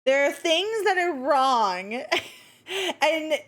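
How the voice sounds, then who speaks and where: Casting: female reaction streamer, somewhat high-pitched, informal, expressive, comfortable swearing. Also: extremely slow. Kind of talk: casual reaction stream chat.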